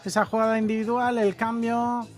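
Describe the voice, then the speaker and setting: A male sports commentator with a high-pitched voice follows a beach soccer match play by play. Music is heard behind his live commentary. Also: level tone, normal speed.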